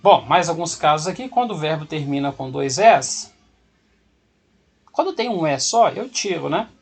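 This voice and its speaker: A man's voice: fairly high pitch, expressive, normal speed, creaky, husky. A man teaching English grammar in a video lesson, speaking with a Brazilian Portuguese accent, patiently explaining step by step and repeating the rules.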